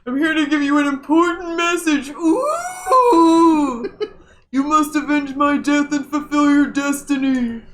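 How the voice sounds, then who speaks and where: A woman voicing a dramatic dying spirit in a vision, speaking in a shouted, grandiose manner. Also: sits high, animated, slow, pitched above the performer's own voice. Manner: shouted, grandiose, interrupted by coughing.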